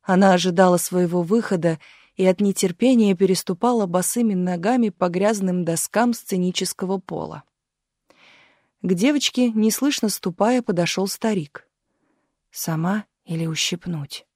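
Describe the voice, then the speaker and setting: A woman narrating an audiobook in a measured, expressive reading. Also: mid-range voice, no room sound, studio quality.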